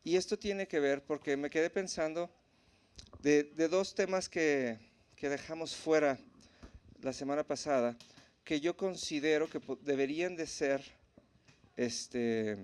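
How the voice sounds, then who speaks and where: A man teaching at a church in a relaxed, conversational way, often checking in with the congregation. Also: on the high side. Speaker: preacher.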